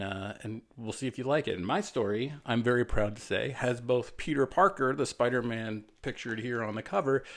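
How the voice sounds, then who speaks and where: A fairly low-voiced American writer reads his own children's story aloud. He's casual and self-effacing, adding chatty asides that explain things.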